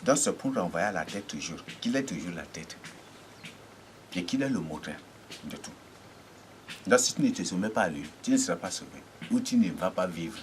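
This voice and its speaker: A man preaching a teaching sermon, halting and repeating words, often asking rhetorical checks. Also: sits low, expressive, slight background noise.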